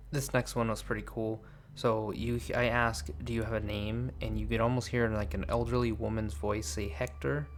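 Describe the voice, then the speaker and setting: A man's voice: on the low side, little pitch movement, moderate pace, noisy background. A young man narrating paranormal investigation clips in a casual voice-over, hedging and searching for words with many fillers. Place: voice-over, not recorded on site. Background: faint background music.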